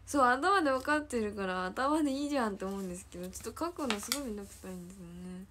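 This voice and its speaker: A woman's voice: mid-range voice, lively intonation, very fast, fairly bright tone, slight background noise. A teenage girl with a Kansai accent chatting casually on a livestream, giggling often and repeating her own phrases as she reads viewer comments. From Hyogo, Japan. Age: teens. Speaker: idol trainee livestreamer.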